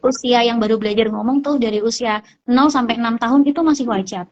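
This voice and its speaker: A woman speech therapist calmly explaining child speech development on a hospital talk show, with frequent fillers. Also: a little high, fast, muffled recording.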